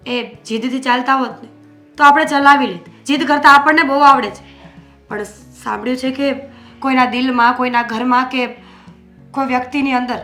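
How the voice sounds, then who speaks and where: A woman playing a calm, reflective wise woman. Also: fairly high pitch. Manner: reflective, soft-spoken. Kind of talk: Gujarati short film acting.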